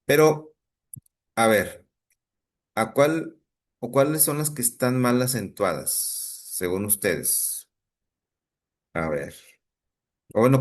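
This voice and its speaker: A man with a Mexican Spanish accent teaches a class over a video call, his voice sitting a little low. He explains patiently and keeps pausing to check that his students are following along. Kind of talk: online class lesson.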